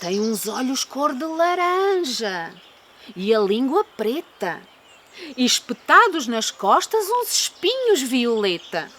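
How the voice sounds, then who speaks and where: Woman as small cunning storybook mouse, European Portuguese accent, bright voice, boastful, teasing, very animated. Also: high-pitched, slow pace, a little hiss or hum, exaggerated voice. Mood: cheeky, boastful. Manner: polite, teasing, dramatic. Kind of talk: storybook character voice.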